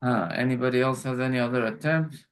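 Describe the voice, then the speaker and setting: A man teaching an online class, slowly walking students through challenges and repeating key points. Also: mid-range voice, clean tone. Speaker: instructor.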